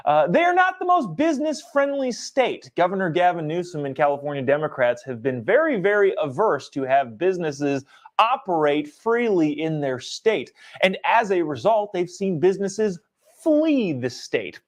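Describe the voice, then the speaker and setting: A young man hosts a political livestream in a loose, conversational way. His pitch swings widely and sits a bit high, and he reads viewer comments aloud with animated reactions. He sounds energetic and chatty. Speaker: livestream host.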